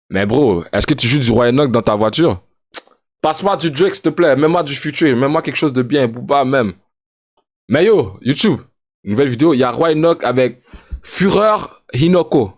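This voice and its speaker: A man's voice: mid-range voice, lively intonation, normal speed, long pauses, no room sound, studio quality. A man giving casual, joking reaction commentary as a streamer, mixing English slang into his talk. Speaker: streamer reacting to a music video.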